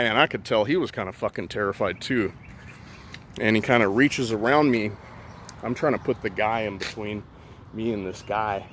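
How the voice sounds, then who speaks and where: A man's voice: medium pitch, a little hiss or hum. A man casually telling a personal story outdoors, rambling and profane with many fillers.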